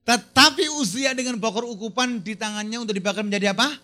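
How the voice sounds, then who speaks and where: A middle-aged male pastor with a high, lively, bright voice gives an animated sermon. He teases the congregation, fires questions at them and slips in regional phrases and English words. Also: fast talker. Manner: animated, teasing, mixes in Manado dialect phrases and English words.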